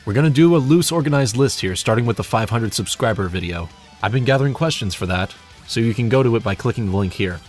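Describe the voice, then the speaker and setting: A young adult man, a hobby narrator and audio play director, gives a casual but scripted channel update with wry, self-deprecating humor and swearing. His medium-pitched voice is fast with lively intonation, and faint music plays behind him.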